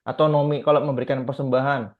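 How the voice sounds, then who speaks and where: A man's voice: mid-range voice, steady tone, fast talker. A man preaching a conversational sermon, asking his listeners rhetorical questions and often tagging his sentences with short fillers. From Indonesia. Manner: asks rhetorical questions, frequent filler tags. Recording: tinny phone-like audio.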